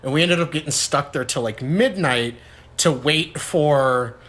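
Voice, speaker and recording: A young man, a podcast host, telling a story in casual chat, animated and swearing, breaking into high shouts when he quotes someone. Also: unhurried. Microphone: podcast mic, low-quality audio.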